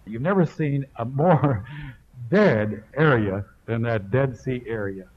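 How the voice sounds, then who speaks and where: A man's voice: mid-range voice, takes it slowly, husky. A male pastor preaching a sermon at a church service, emphatic and building through repetition, heard on an old tape. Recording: muffled phone-like old tape.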